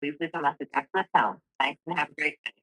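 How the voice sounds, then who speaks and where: A woman's voice: low voice, fast talker, a bit bright. A woman's recorded voicemail greeting, heard over a landline phone. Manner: brief, polite recorded greeting. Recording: tinny phone line.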